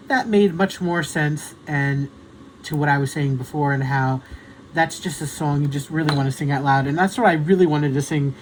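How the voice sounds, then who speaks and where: A man's voice: fairly high pitch, slight background noise, rough recording. Rambling, self-deprecating male YouTuber. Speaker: YouTube creator. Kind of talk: casual chat about songs.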